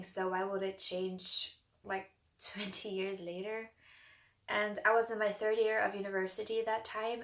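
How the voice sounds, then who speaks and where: A woman in her twenties talking frankly and casually to camera as a vlogger, filling her speech with "like" and "you know.". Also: medium pitch. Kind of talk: casual personal talk to camera. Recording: echoey room.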